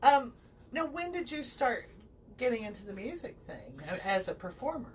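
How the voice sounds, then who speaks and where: A woman's voice: on the high side, very animated, moderate pace. A woman hosting a casual, chatty interview and putting questions to her guest. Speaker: interviewer, host. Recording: distant mic, faint background noise.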